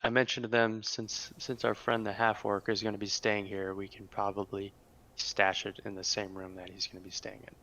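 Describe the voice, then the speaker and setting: Bright-voiced easygoing man. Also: fairly low pitch, little pitch movement, normal speed. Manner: easygoing, chuckling, stumbling starts. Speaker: player. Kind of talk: tabletop game chat.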